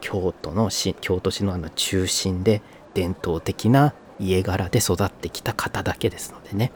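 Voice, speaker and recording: Man in his thirties, low voice, flat northern Kyoto accent with a Kansai lean, relaxed solo podcast chat, faint background hiss. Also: moderate pace. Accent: flat northern Kyoto speech, slightly Kansai-leaning. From northern Kyoto Prefecture, Japan. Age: 30s. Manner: relaxed, chatty, self-deprecating asides. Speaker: podcast host.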